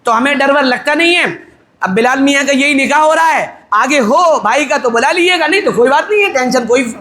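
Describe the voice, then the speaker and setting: A middle-aged male cleric preaching at a wedding in a very high, bright voice. He talks with forceful energy and jokes with the crowd. He throws in rhetorical questions and acts out little dialogues. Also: animated, echoey room. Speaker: Islamic cleric officiating a wedding. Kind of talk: wedding sermon, conversational.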